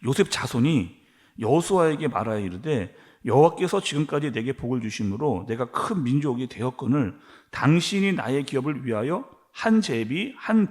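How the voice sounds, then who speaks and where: A man's voice: medium pitch, moderate pace. A man pastor preaching an early-morning sermon, acting out complaints and rising to emphatic peaks. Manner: expressive preaching, acts out quoted complaints. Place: church sanctuary.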